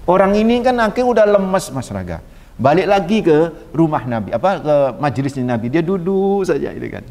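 A man's voice: a little high, sing-song, brisk, a little mellow. A man giving a sermon, telling a story animatedly and acting out its dialogue with chatty asides. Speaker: religious teacher. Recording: reverberant hall sound.

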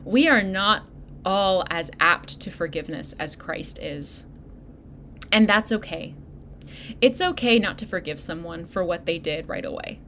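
A woman pastor giving a sermon, speaking in a gentle, encouraging way straight to her listeners. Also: fairly low pitch, a little slow, a little hiss or hum. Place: church video recording.

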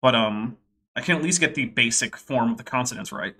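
Streaming live from home, a young host chats in a wry, easygoing way and reads viewers' super chats out loud. He talks a little fast in a mid-range voice that is pushed, bright, and slightly rough.

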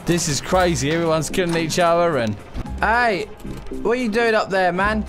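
A man voicing an excitable, pleading Mexican migrant with a Mexican accent in an improvised game role-play. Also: high-pitched, normal speed, music in the background, lightly acted. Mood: excited, indignant. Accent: Mexican, put on. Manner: exclamatory, pleading, repetitive.

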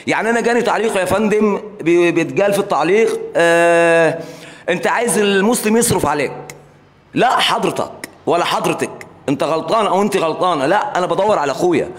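A man's voice: high voice, quick pace. A man making an impassioned, repetitive plea in a live interview. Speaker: interviewee, brother of a singer.

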